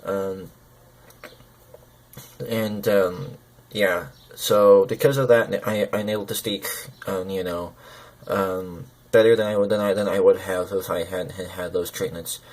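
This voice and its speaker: A man talking personally to camera, hesitant and halting, with slurred lip consonants as if numb from the dentist. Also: sits low, steady tone, a little mellow. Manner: hesitant, halting, searching for words. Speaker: gaming video creator.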